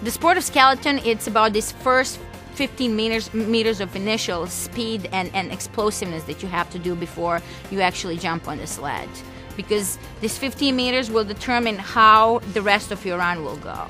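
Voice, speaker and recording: A woman's voice: medium pitch, moderate pace, music in the background. Woman, 20s, chatty interviewee with a mid-range voice. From Serbia. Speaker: interviewee, aspiring skeleton athlete. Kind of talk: casual interview talk.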